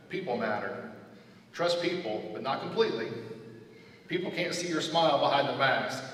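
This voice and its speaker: Earnest man handing out graduation advice, heard from afar with long reverb. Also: medium pitch. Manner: earnest, list of short advice lines. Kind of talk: commencement address. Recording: echoey hall, voice from far off.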